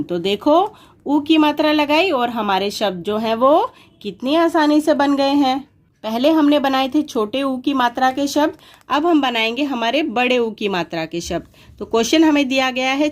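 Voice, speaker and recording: A woman teaching a worksheet lesson to young children, patiently sounding out words syllable by syllable. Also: on the high side.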